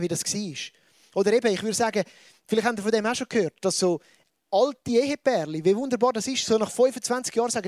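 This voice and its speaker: A man preaching with a Swiss German accent, lively and conversational, turning to the audience with asides. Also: sits high, dry recording, clean studio sound. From Switzerland. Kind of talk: sermon.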